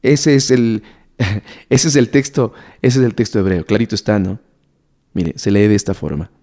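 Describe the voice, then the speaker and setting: A man's voice: on the low side, moderate pace, dark tone. A man preaching and teaching the Bible to a gathered audience. He keeps asking his listeners questions and repeats key words to drive his points home. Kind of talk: sermon-style Bible teaching.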